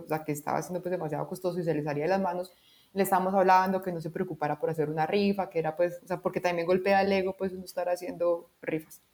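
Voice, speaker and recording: A woman tells a story in a relaxed, chatty way. She slips into little voices for the people she quotes and fills her talk with casual fillers. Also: fairly low pitch. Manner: animated, acts out quoted dialogue, frequent fillers. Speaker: guest sharing a personal story.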